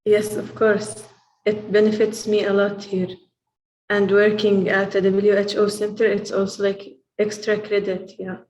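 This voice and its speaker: A US-born woman of Jordanian descent, a medical education center staffer and former interpreter, chats casually on a video call from an indoor room, polite and a little hesitant. Her mid-range voice is darkish, completely flat, and a little slow. The computer mic gives roomy, echoing audio.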